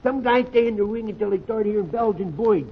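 An actor playing a dim, boastful punch-drunk boxer in an old radio comedy sketch, rambling and repeating himself in slangy talk. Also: male voice, sits high, a little fast, slightly rough. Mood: cheerfully muddled. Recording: muffled, noisy old radio recording.

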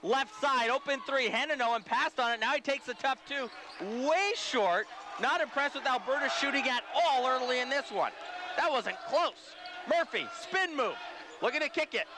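Play-by-play caller, male, very high voice, rapid excitable delivery, loud background noise. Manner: rapid, excitable calling of the action. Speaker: play-by-play commentator. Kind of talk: basketball play-by-play commentary.

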